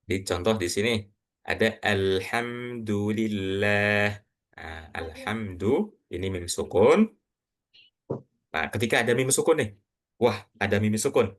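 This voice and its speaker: Patient low-voiced Quran reading teacher. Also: male voice, lively intonation. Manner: patient, asks students questions, models recitation slowly. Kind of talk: online class teaching.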